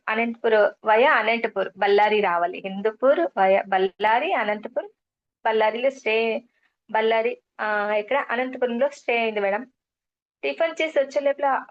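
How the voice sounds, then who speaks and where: A middle-aged woman with a lilt tells a personal spiritual story in a high, earnest voice. She repeats phrases and keeps addressing her interviewer as madam. The recording sounds muffled and lo-fi. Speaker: guest sharing a spiritual testimony.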